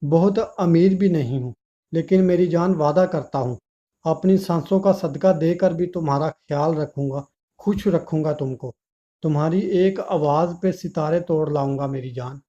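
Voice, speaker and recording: A man's voice: fairly high pitch, normal speed, warm tone, close to an everyday voice. A man voicing an earnest, hurt young husband. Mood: tender. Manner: tender, pleading. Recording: dull lo-fi recording.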